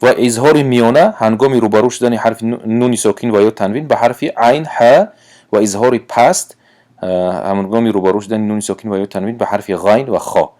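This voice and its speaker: A man with a Tajik accent gives a recitation lesson in a lowish voice. He speaks patiently and haltingly, with frequent filler pauses. He sounds out each letter slowly for his students. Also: darkish tone. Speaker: Quran recitation teacher. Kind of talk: tajwid lesson.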